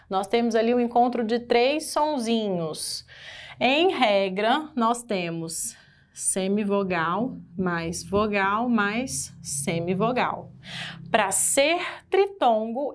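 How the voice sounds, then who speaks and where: Brazilian woman teacher, somewhat high voice, lively exam-prep lesson that keeps quizzing the class. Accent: Brazilian Portuguese. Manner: lively, asks the class questions. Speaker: Portuguese-language teacher.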